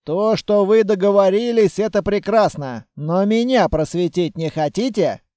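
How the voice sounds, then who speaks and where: A touchy male quartermaster in an audiobook grumbles and takes offense easily, as the male narrator puts him on. The voice is high and mellow and recorded close and dry, and he talks slightly louder than the narration. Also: a little slow, dry recording. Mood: grumbling. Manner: grumbling, indignant. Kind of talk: audiobook character voice.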